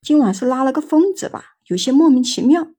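A woman's voice: sits high, expressive, brisk, warm tone, voice pushed up. Woman doing a grumbling cab driver. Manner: gruff, complaining, raised voice. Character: grumbling middle-aged male taxi driver.

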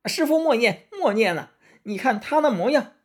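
A man voicing a cocky, loyal monkey king hero in a raised, lively storybook voice. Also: normal speed. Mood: urgent. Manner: brash and excitable, high-pitched.

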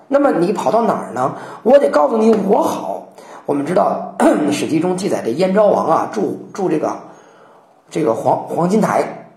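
A woman lecturing on classical poetry, telling stories in an animated way and acting out quotations. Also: on the low side. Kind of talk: lively storytelling lecture. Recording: roomy echo.

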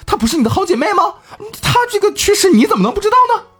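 A man's voice: very high voice, big pitch swings, rapid-fire, fairly bright tone, voice pushed up, exaggerated voice. A man playing a heartbroken young scholar. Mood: frantic.

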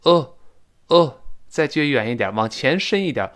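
A man teaching English pronunciation in a lively, joking way, demonstrating sounds aloud. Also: a little high, unhurried. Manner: animated, jokey, demonstrates sounds. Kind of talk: lively spoken lesson.

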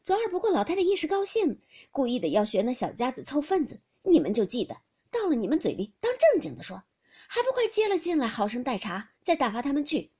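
A woman reading aloud as a bantering, sharp-tongued noble lady who scolds with a laugh. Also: sits high, very animated, fast talker, pitched above the performer's own voice. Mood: teasing.

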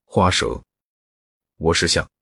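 A greedy, spoiled young man from a folk tale talks back, voiced by a male storyteller. The voice is low and husky. It sits close and dry on the mic. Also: slow pace, a bit bright, no room sound, exaggerated voice. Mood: brash. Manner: plain storyteller's voice with little change.

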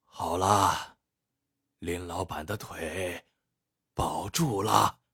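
A man voicing a calm, modest old male bone-setter of about seventy, who speaks low and slowly in a husky voice. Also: no echo, clean studio sound, exaggerated voice. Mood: weary. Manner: low, unhurried, quiet speech.

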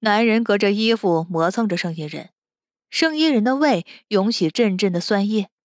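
Expressive woman narrating a novel. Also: medium pitch, normal speed, no room sound, clean studio sound. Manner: expressive, dramatic reading. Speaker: audiobook narrator. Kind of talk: web novel audiobook narration.

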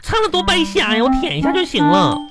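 A woman's voice: sits high, wildly swooping pitch, fast. A woman playing a whiny ditzy office girl. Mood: sulky. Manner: whiny, sulky, childish, keeps saying "oh my mom". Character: ditzy vain young female office worker. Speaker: radio comedy host acting a character. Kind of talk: live comedy radio drama. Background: background music.

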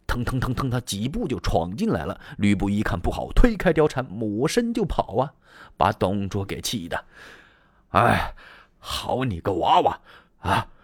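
A male storyteller telling a classic tale in the traditional oral style, animated, with sound words and asides to his listeners. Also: on the low side, normal speed, no echo, studio quality.

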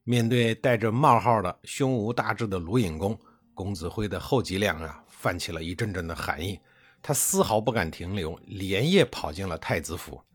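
A male history storyteller with a low, husky voice that rises and falls expressively. He narrates in a chatty, colloquial way, stretching out the ends of his phrases. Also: animated. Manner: colloquial, chatty, with drawn-out particles.

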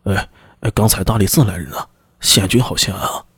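A nervous male clerk, put on by a male audiobook reader speaks in a hushed, hesitant voice. The tone is low and husky. It sounds dry and near the mic. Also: normal speed, no room sound. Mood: hushed warning.

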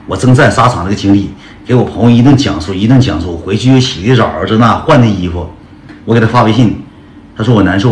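Fast, lively man telling a story. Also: lowish voice, slight background noise. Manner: rambling, slangy, calls listeners brothers. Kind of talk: casual personal storytelling. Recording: echoey room with guitar music.

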